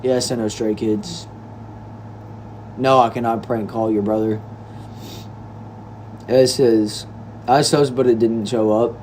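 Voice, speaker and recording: A nineteen-year-old Texan man reads viewer comments aloud on a livestream, chatting in a laid-back way and calling his audience "bro" and "y'all." His mid-range voice is a little mellow and steady in tone, and he talks slowly with frequent pauses. Slight background noise can be heard in the indoor room.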